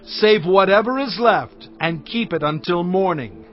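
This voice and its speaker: An actor playing Moses as a stern, commanding leader in a solemn, declamatory dramatized scripture reading. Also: male voice, high voice, expressive, measured pace. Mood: firm, instructing. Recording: dull band-limited audio with music.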